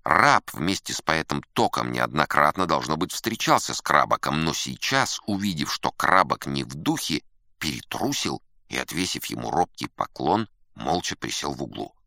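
A man narrates a story in a calm, measured way. His very low voice has a gravelly fry but a bright, forward edge. The recording is close and dry. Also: dry recording. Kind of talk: audiobook narration.

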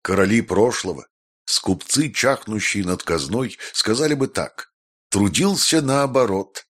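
A man's voice: on the low side, expressive, unhurried, a bit bright, husky. A man narrating an audiobook, reading the prose and acting out the characters' voices. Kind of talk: scripted narration.

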